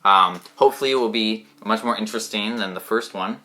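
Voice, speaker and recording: A man's voice: on the low side, brisk, pushed and bright. A man co-hosting a casual chat show, joking and rambling as he teases his co-host.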